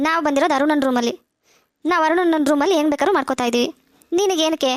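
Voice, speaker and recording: A woman's voice: high-pitched, rapid-fire, no room sound, studio quality, natural voice. A woman voicing a sassy cartoon teen girl. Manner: sassy, bossy. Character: bossy teenage girl who bickers with her brother. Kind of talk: cartoon voice acting.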